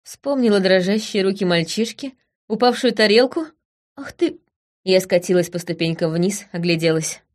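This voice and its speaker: Brief: woman audiobook narrator, medium pitch, brisk and dramatic first-person reading.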